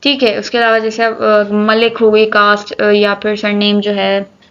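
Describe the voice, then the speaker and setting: A woman teaching English articles, reading example sentences slowly and explaining them briskly while checking that students follow. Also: medium pitch, monotone, fairly bright tone, clean tone. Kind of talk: grammar lesson explaining articles. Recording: dull lo-fi recording.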